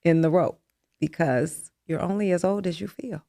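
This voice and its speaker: Low, gravelly woman in her fifties. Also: normal speed, dark tone, no echo, clean studio sound. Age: 50s. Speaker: interview guest. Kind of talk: candid interview chat.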